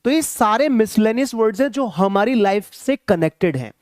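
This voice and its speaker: Upbeat high-voiced teacher. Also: male voice, expressive, normal speed, no room sound, clean studio sound. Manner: repetitive, encouraging teacher mixing Hindi and English. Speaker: English teacher. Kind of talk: online spoken English class.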